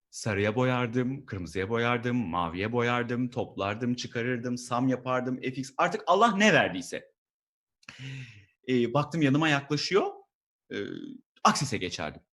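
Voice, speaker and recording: A young man performing a stand-up comedy monologue, telling an office story with animated delivery and mock voices. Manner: animated storytelling, mimics his boss in a high voice.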